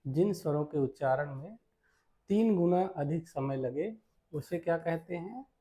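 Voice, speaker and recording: Working through multiple-choice exam questions at a very slow, deliberate pace, this Hindi teacher has a slightly high yet dark, mellow and expressive voice. He poses each question twice, answers it himself, and frequently checks in with "ठीक है" (theek hai).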